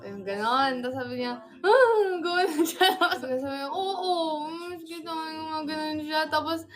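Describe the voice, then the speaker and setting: Young woman, high-pitched, playful chat, mimics voices as she tells the story. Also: a little fast, fairly bright tone. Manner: playful, acts out both sides of the story with laughter. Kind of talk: casual chat.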